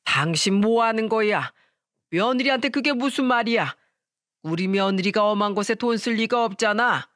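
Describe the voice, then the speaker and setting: A woman's voice: mid-range voice, normal speed, a bit bright, no room sound, clean studio sound, natural voice. A woman voicing an older father-in-law who reproaches his wife. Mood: reproachful.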